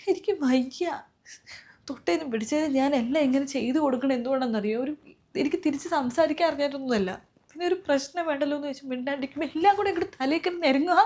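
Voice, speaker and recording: A woman's voice: high-pitched, darkish tone. A woman playing an exhausted, overworked sister-in-law who complains and rants in a comedy sketch. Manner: complaining, rapid, exasperated. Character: overworked elder sister-in-law, weary and fed up.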